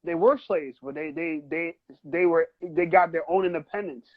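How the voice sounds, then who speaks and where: A man co-hosting a podcast argues his side in a heated casual debate, frequently adding "you know what I'm saying." He is from the United States, a first-generation child of Trinidadian parents. His somewhat high, creaky voice is expressive and moderately paced, heard in phone-quality sound with a crowd in the background.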